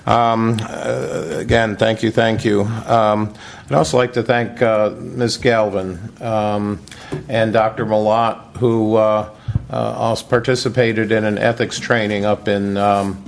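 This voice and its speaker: A man's voice: fairly low pitch, flat delivery, slow, gravelly, slight background noise. An American man speaking as board chairman, making formal, procedural remarks in a meeting room. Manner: official, procedural.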